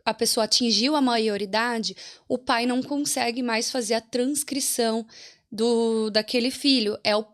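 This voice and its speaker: A woman's voice: on the high side, steady tone, normal speed, fairly bright tone. A woman with a Brazilian Portuguese accent, a guest consultant patiently explaining a process step by step in an interview.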